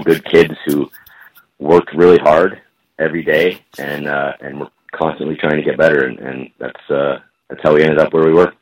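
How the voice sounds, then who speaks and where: Very deep-voiced man over a phone line. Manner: thoughtful, builds answers slowly with many pauses. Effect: heard over a phone line. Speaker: guest strength and conditioning coach. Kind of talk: phone interview.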